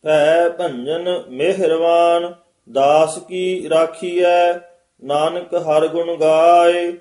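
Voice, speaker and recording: A man, as a student, reciting sacred verses in a slow chant. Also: fairly high pitch, fairly even intonation, darkish tone, roomy sound.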